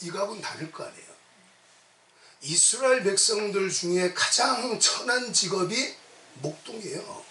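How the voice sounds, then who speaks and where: High-voiced pastor preaching in an echoey hall. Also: male voice, expressive, moderate pace, bright, forceful tone. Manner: emphatic, repetitive exhortation with call-and-response. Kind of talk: sermon. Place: church sanctuary at a retreat. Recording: echoey hall, mic at a distance. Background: congregation answering amen.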